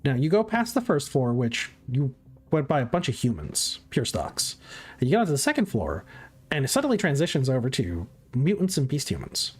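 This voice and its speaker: Game master improvising scenes, mid-pitched. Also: huge pitch swings, slightly rough. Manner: halting, descriptive, conversational. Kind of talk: improvised tabletop game narration.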